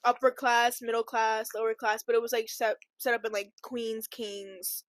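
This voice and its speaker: A woman's voice: a little high, flat delivery, moderate pace, no echo. A young woman co-hosting a podcast, telling a rambling story in casual chat, laughing often and filling her speech with "like". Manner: giggly, rambling storytelling full of fillers. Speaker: podcast co-host.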